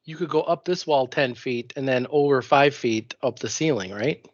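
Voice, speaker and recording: A man's voice: mid-range voice, moderate pace, dry recording. Male tabletop player, mid-range voice, dull lo-fi mic, casual rules talk. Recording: slightly dull, lo-fi microphone.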